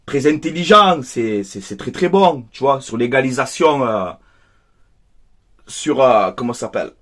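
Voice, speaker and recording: A man's voice: mid-range voice, expressive, measured pace, fairly bright tone. A man hosting a football fan video, upset and worked up, ranting and repeating himself as he talks straight to his viewers. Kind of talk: casual angry match debrief.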